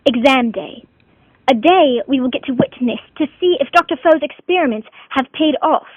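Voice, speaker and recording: A woman's voice: high-pitched, expressive, moderate pace, dry recording. A woman narrating a student mock documentary in a dramatic announcer tone. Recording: dry, tinny phone-like voice-over.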